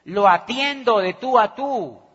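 A man giving an animated motivational business talk, acting out the people in his stories and often checking that the audience follows. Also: extremely high pitch, slow, husky. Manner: animated, acts out the people in his stories, keeps asking "do you understand me". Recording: echoey hall, dull sound.

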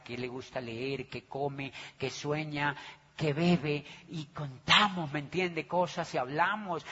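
A man giving an animated motivational business talk, acting out the people in his stories and often checking that the audience follows. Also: on the high side, husky. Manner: animated, acts out the people in his stories, keeps asking "do you understand me". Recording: echoey hall, dull sound.

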